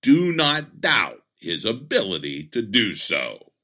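Slow, bright-voiced male sports podcaster. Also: lowish voice, huge pitch swings. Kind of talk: scripted sports opinion podcast.

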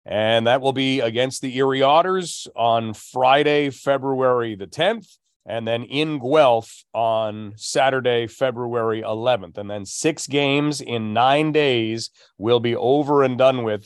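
A man's voice: mid-range voice, a little slow, no room sound, studio quality. A man co-hosting a hockey podcast, recounting games and anecdotes in a casual, storytelling way. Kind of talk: casual sports chat.

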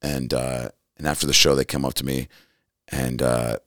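Low-voiced man telling a comic story. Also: moderate pace, dry recording, clean studio sound. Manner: animated storyteller acting out quotes. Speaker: comedian guest. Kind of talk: casual podcast storytelling.

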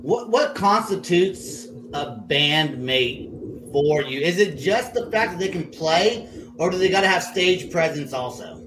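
A man's voice: a little high, expressive, measured pace. A man hosting a casual interview, asking informal, loosely phrased questions. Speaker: interview host. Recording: clear background noise.

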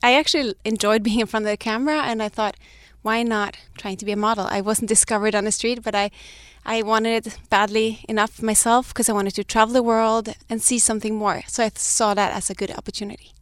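A Swedish-raised woman in her thirties, whose first language is Danish or Swedish, answers interview questions as a fashion brand founder. Her somewhat high voice is smooth and fairly even, a little fast with hardly any pauses, captured in studio quality with no room sound. She's reflective, often restarting sentences with light laughs.

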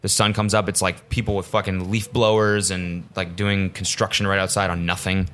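A man's voice: low-pitched, little pitch movement, moderate pace, fairly bright tone, a little hiss or hum. A man from Canada hosting a casual podcast, loose and jokey, swearing freely. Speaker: podcast host.

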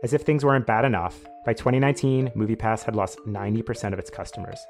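A man hosting a podcast, reading a measured, scripted narration that explains a business story. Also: on the low side, music in the background. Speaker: podcast host.

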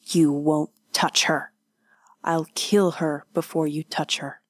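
A brave young samurai in a storybook tale, as a woman narrator voices him, speaks with tense, hushed urgency. His tone sits a little low, with a close, dry sound. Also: steady tone, takes it slowly, no room sound. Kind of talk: audiobook character voice.

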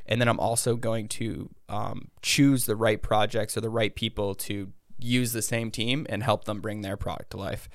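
Raspy American man with heavy vocal fry. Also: fairly low pitch, flat delivery, normal speed, few pauses, no room sound, studio quality. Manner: rambling, hedging, self-interrupting. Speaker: podcast guest. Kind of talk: casual interview chat.

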